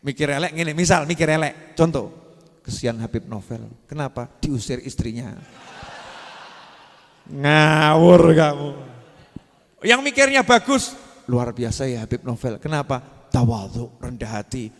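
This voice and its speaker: A man's voice: medium pitch, normal speed, in a large hall. A man with a Javanese-tinged Indonesian accent preaching a humorous sermon, teasing his listeners and slipping into Javanese phrases. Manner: playful, teasing the audience, drops into Javanese phrases.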